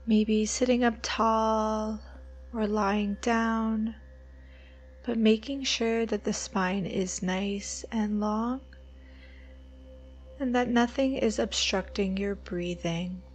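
A woman guides a meditation with a mid-range, steady voice, giving calm, unhurried instructions and leaving long pauses between phrases. Music plays in the background.

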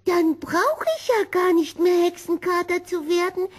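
A woman voicing a small young male kitten in a storybook reading, with a squeaky, childlike manner. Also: fairly even intonation, a little slow. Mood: hopeful.

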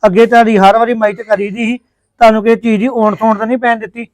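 A man's voice: high voice, level tone, quick pace, no room sound. A man acting a placating brother-in-law in a family drama. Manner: placating, apologetic.

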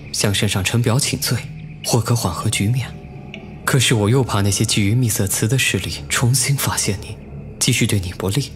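In a Chinese costume audio drama, an actor portrays a young official who is scheming and lecherous, playing him smug and deliberate. His male voice is natural and on the low side, with music running underneath.

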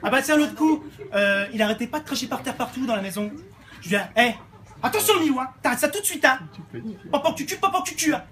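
A woman playing a loud, unhinged middle-aged mother of many kids in a live stand-up sketch, barking orders and rambling with constant fillers. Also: high-pitched, expressive, fast talker. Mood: brash. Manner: brash, rambling, barks orders, filler-heavy "hein". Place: comedy club stage. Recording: noisy live club recording.

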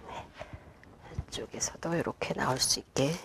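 Working at a flower table in an indoor studio, a middle-aged female flower arrangement instructor from Korea demonstrates and talks at a leisurely pace, trailing off hesitantly, filling pauses and murmuring half-whispered asides. Her voice is rumbling low and creaky.

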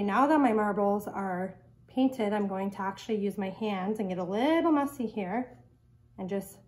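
A woman's voice: mid-range voice, slight background noise. A woman demonstrating a craft in a kids show style, talking directly to young viewers and explaining each step simply. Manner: talks directly to young viewers, counting aloud. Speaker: children's craft activity presenter.

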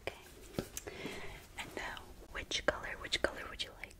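Young woman, fast whispered ASMR role-play. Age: young adult. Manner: fast, brisk ASMR whispering with repeated trigger words. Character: brisk, attentive makeup artist serving a client. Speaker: ASMR creator. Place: small bedroom, indoors. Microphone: close fluffy-covered desk microphone.

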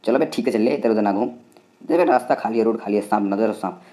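Indian man, gaming host, rapid excited play-by-play, dark low voice. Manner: excitable, chatty, talks to the game and viewers. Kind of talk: casual game commentary.

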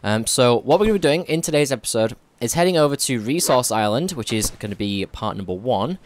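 A man's voice: mid-range voice, expressive, brisk. A man giving casual, chatty commentary over his own gameplay, thinking aloud and correcting himself as he goes. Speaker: gaming YouTuber. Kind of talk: casual let's-play commentary.

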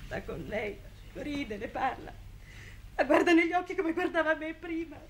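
A woman's voice: high-pitched, expressive, moderate pace. An actress playing a desperate, lovesick young woman in a 1950s television drama, emotional and pleading. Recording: hissy old 1950s TV recording.

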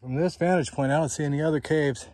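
A tired desert explorer vlogger, a bit out of breath from climbing, narrates his hike up a rocky desert mountainside in a fast, highish, darkish voice. He talks to himself breezily with exclamations, filmed on a handheld phone or action camera with soft background music.

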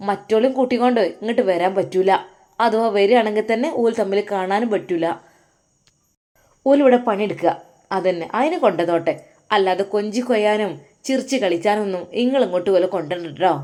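Lady putting on a bossy scolding wife, malappuram accent, louder and higher, taunting. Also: a little fast, lightly acted. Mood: harsh. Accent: Malappuram Malayalam. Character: sharp-tongued scheming wife, middle-aged.

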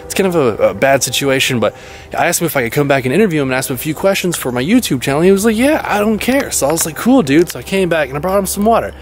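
A young man hosting a comedy sketch vlog outdoors at night, quick and animated, cutting in with questions. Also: on the high side. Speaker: host.

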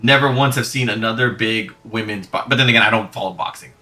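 A man's voice: fairly low pitch, fast talker. A young man hosting a let's play, chatting casually with lots of swearing and rambling asides. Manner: animated, profane, rambling. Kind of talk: casual gaming chat.

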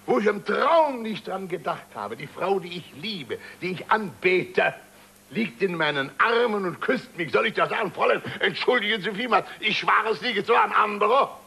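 A man's voice: high voice, lively intonation, normal speed, creaky, pushed and bright, breathy edge, exaggerated voice. An actor playing a boastful middle-aged man who can't swim, telling a tale sheepishly and dramatically in a 1960s comedy record. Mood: fond. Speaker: comic storyteller.

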